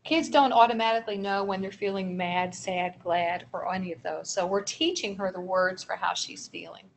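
A woman giving a seminar presentation on child behavior, acting out short teacher examples in a lively way. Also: medium pitch, moderate pace, gravelly, slight background noise. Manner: animated, acts out teacher examples. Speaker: early childhood trainer.

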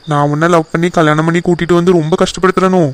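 A caring young husband from a cartoon family drama, voiced by a man. His voice is smooth and fairly high, and he talks quickly with a gentle, reassuring manner. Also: flat delivery, close to an everyday voice. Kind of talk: cartoon voice acting.

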